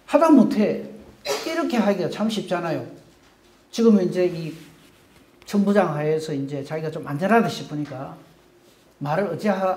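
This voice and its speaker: A man preaching with a high, lively voice that leaps up and drops low. His tone is mellow and warm. The sound rings with the echo of a church hall. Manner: animated, acts out quoted speech. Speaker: pastor. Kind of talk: sermon. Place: church sanctuary.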